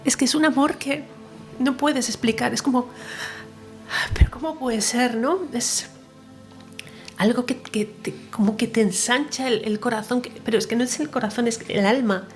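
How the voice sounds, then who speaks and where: A woman's voice: on the high side, moderate pace, faint music behind. A woman recounting her near-death experience in an interview, earnest and emotional, sometimes dropping to a whisper. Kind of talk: personal testimony in an interview.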